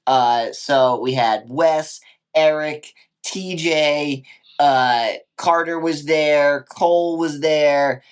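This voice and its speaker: A man co-hosting a podcast, chatting casually and with lots of swearing while acting out characters' lines in quick bits. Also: on the high side, smooth. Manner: profane, animated, acts out characters' lines. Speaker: podcast co-host. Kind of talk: casual recap chat.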